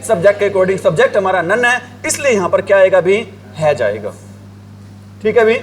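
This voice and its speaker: A man's voice: sits high, lively intonation, fairly quick. A male teacher giving a grammar lesson, asking the class the same questions over and over and answering them himself. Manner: drills the class with repeated questions, writing on a board. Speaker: English teacher.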